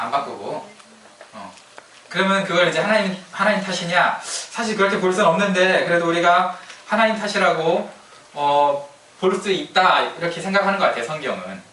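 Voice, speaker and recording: A man's voice: fairly high pitch, bright, forceful tone, a little hiss or hum. A male pastor giving a casual, conversational sermon, often asking the congregation questions and laughing at his own jokes. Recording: echoey hall, mic at a distance.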